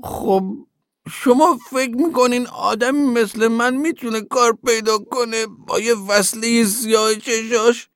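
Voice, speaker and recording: A male narrator voicing a self-pitying one-eyed grown man who complains in a slow, plaintive way. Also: very high-pitched, fairly bright tone, smooth, no echo, studio quality. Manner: plaintive, dragging delivery.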